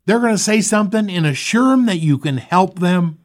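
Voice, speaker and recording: Higher-voiced man giving sales coaching. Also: lively intonation, fairly quick. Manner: instructive, acts out sample phone lines. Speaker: podcast host, roofing sales expert.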